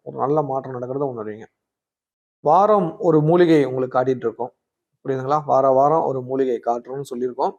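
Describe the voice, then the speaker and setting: A man's voice: mid-range voice, a little mellow, lo-fi sound. A man, an astrologer giving a weekly horoscope, chatty and coaxing, often scolding his viewers with rhetorical questions. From Tamil Nadu, India. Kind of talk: weekly horoscope talk to camera.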